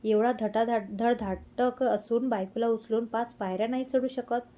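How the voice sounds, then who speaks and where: A man's voice: very high-pitched, steady tone, normal speed, mellow. A woman reading as a teasing young husband. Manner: affectionate, playful teasing.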